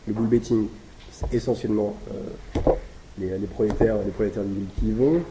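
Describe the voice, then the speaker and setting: A man's voice: fairly low pitch, steady tone, fairly quick. A man giving an academic lecture, talking with many hesitations, fillers and restarts. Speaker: academic speaker. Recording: echoey room with noise.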